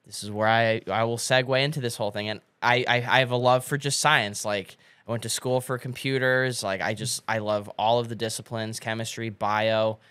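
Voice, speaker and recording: A man's voice: medium pitch, steady tone, moderate pace, fairly bright tone, clean tone, dry recording. A young man, a podcast guest, telling a story in casual chat, acting out quotes and laughing often.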